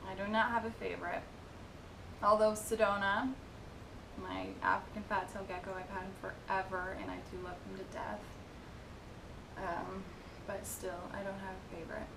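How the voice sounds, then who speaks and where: A woman's voice: level tone, moderate pace, creaky, long pauses. Young woman reading viewer questions, echoey room. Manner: chatty, reads questions aloud, giggly asides. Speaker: vlogger answering viewer questions. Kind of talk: casual Q&A chat. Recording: echoey room with noisy rumble.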